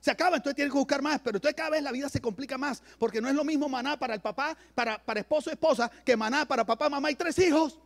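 A male pastor preaching an emphatic sermon to a church, swinging from loud declarations to low asides. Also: racing, gravelly, hardly any pauses.

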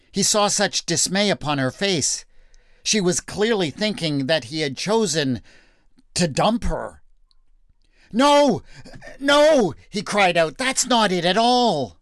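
Slow, measured male storyteller. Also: a little high, fairly bright tone, no room sound, clean studio sound. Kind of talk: scripted Bible story narration. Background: faint background music.

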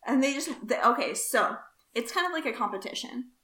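A woman co-hosting a gaming podcast, pitching silly ideas in a playful deadpan way. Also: brisk. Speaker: podcast co-host. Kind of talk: casual chat. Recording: echoey room with faint noise.

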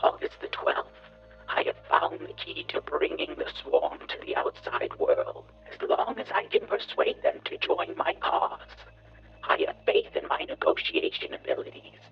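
A cruel, self-important bug mastermind narrates his schemes in a slow, pompous drawl. His voice sits high and leaps all over the place, rough with gravel and rasp. The dull, lo-fi recording gives it an old, muffled edge. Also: huge pitch swings, background noise, heavily acted. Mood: scheming. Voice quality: gravelly, raspy. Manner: pompous, theatrical journal narration. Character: scheming male insect villain, grandiose and cruel. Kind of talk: dark comedy audio story.

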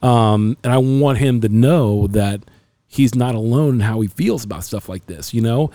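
A man's voice: mid-range voice, moderate pace, mellow, dry recording. A middle-aged man in casual conversation on a podcast, telling stories earnestly and emotionally, with many restarts.

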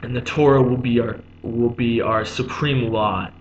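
Man giving a halting religious lecture, dull lo-fi. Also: medium pitch, fairly even intonation. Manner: halting, many "um"s, repeats and glosses terms. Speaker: religious teacher. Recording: dull lo-fi recording with faint hum.

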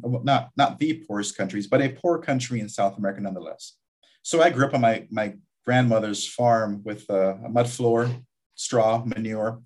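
A man's voice: mid-range voice, darkish tone. A man from Guyana, a community college vice president, talking reflectively in an interview with frequent restarts. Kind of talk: interview conversation.

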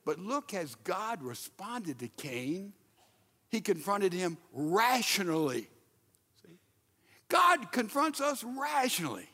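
A male pastor preaching a sermon, emphatic, with sudden loud bursts and repeated rhetorical questions. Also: high-pitched, sing-song, slow, long reverb tail.

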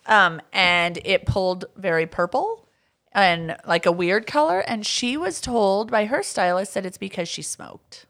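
A woman's voice: mid-range voice, measured pace. A woman co-hosting a casual chat, telling client stories with amusement. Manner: lively, amused storyteller. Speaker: podcast co-host.

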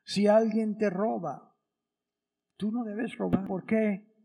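A man's voice: sits high, steady tone, slow pace, creaky, mellow. A man, a priest, giving a conversational Sunday homily and asking the congregation many rhetorical questions. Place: church during Mass. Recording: long church reverb.

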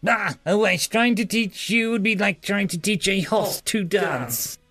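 A man's voice: high-pitched, measured pace, a bit bright, no room sound, soft background music, pitched above the performer's own voice. A man voicing a proud, contemptuous male alien prisoner who speaks with disdain. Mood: scornful. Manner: haughty, disdainful.

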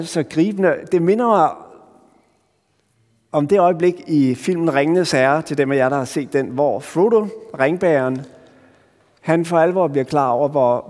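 A Danish man preaching a sermon as pastor, earnest and searching, often restarting phrases and pausing for emphasis. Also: a little high, darkish tone. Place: church. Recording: long church reverb.

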